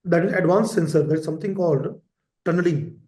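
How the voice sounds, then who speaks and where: A man delivers an exam-prep lecture in a high voice. He repeats key terms and keeps checking in with his listeners. The recording carries a roomy echo. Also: fast talker, dark tone. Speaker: teacher. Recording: echoey room.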